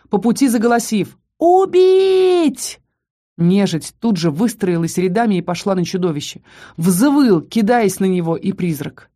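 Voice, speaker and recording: This audiobook narrator reads a fantasy novel written in the first person, using a dark-toned voice of medium pitch. Her delivery is dramatic, like a storyteller's.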